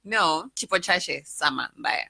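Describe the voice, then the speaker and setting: A woman's voice: on the low side, expressive, unhurried, creaky, bright, forceful tone. A woman co-hosting a radio breakfast show in a studio, chatting and giggling easily with her guest. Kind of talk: casual radio banter.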